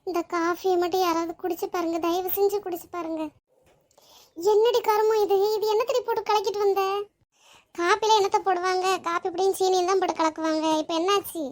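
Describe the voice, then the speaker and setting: Woman doing very high-voiced cartoon girlfriends. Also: little pitch movement. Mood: teasing. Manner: quick, scolding banter with a tearful edge. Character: young adult women friends, chatty and emotional. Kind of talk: animated cartoon voice acting.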